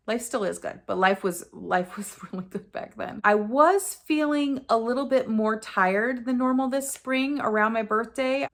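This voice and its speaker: A woman in her forties telling a personal story to camera in an earnest, candid way, often correcting herself as she goes. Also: medium pitch. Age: 40s. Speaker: vlogger sharing a personal story.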